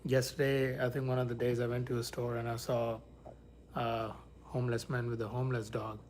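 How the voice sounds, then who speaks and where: An Indian man hosts a relaxed, casual livestream, chatting to viewers in an easygoing, middle-pitched voice at a slightly quick pace. He rambles with frequent restarts and drops to soft whispers near a sleeping baby. A faint hiss of background noise runs beneath his voice.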